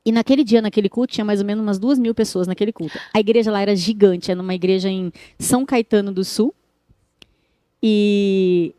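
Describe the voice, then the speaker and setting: A woman physician telling her faith testimony as a guest in a TV studio interview, in a lively storytelling manner that acts out the dialogue. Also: medium pitch, smooth, dry recording.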